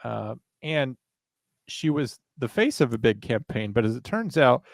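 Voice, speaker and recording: A man's voice: medium pitch, very animated, measured pace, gravelly, no room sound. A man in his thirties co-hosting a true crime podcast, talking in a sarcastic, rambling, self-mocking way. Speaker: podcast co-host. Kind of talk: casual podcast chat.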